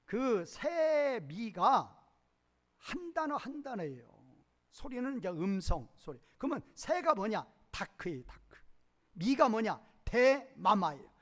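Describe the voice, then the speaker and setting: A male pastor preaching a sermon, quizzing the congregation with repeated questions and swinging between loud emphasis and quiet low asides. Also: big pitch swings, takes it slowly.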